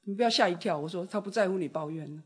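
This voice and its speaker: A woman delivering a sermon with a husky, breathy edge to her voice. She preaches dramatically, rising to loud outbursts and then dropping to soft, hushed words. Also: lowish voice, very fast.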